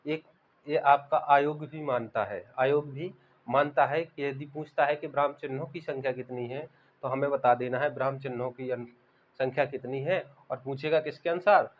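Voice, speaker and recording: A man's voice: medium pitch, steady tone, moderate pace. A young man teaching an online exam-prep grammar lesson. He repeats key words and keeps asking the class rhetorical questions. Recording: dull lo-fi recording.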